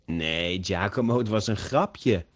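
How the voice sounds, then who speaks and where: A man voicing a young Dutch woman who is apologetic and cheerful, speaking slowly and carefully. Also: fairly low pitch, animated, faint music behind. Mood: reassuring. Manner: slow, carefully pronounced.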